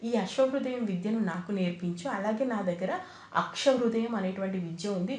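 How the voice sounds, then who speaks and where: A woman's voice: medium pitch, a little mellow, roomy sound. A woman retelling an old epic story in a casual, conversational way, quoting the characters in plain everyday speech.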